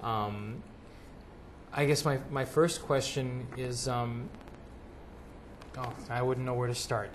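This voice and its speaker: A man's voice: mid-range voice, steady tone, slow pace, pauses often, slight background noise. A man taking part as a questioner, speaking casually and politely in a hesitant, tentative way. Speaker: audience questioner at a channeling session.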